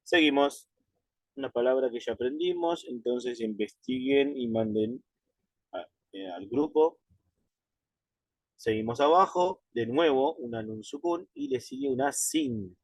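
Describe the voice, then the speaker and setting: A man leads a step-by-step recitation lesson at an unhurried pace, patient and methodical. He checks in with his students and stretches out the sounds as he models them. His mid-range voice is recorded dry and close. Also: mid-range voice, no echo. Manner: slows way down to model drawn-out pronunciations. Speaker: Quran recitation teacher.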